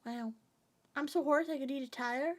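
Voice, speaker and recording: Speaking at normal speed in a voice that sits high, a woman streamer talks casually to her audience. Her manner is rambling and jokey, with a playful sing-song lilt, and she reads the chat out loud.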